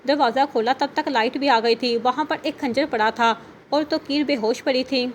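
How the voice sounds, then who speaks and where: A woman narrating an audio novel in a steady storytelling manner. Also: sits high, normal speed, slight background noise.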